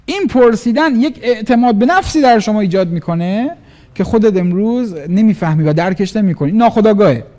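A man giving an animated motivational business talk, acting out little dialogues in different voices. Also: sits high. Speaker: business trainer.

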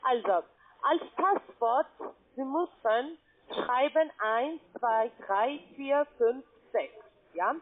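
High-voiced woman on the phone. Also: animated. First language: not German. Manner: halting, checks with repeated "ja?". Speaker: cold-call account adviser. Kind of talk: scripted sales phone call. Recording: muffled narrow phone line.

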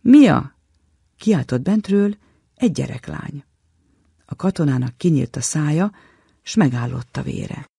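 A man giving a measured, dramatic reading of a short story on a literature program. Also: on the high side, expressive, creaky, warm tone, slightly rough, dry recording, studio quality.

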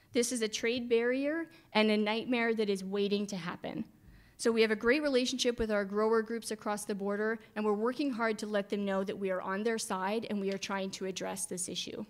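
A middle-aged woman, a farm association director from Canada, giving a speech at a podium microphone in a hotel conference room, lively with wry asides. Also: medium pitch.

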